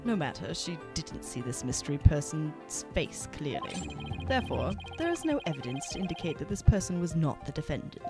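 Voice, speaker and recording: Woman acting a young man, video game prosecutor, stern, dry, formal, lowered pitch, faint music. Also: big pitch swings, a little fast. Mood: curt. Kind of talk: amateur voice-over of video game dialogue.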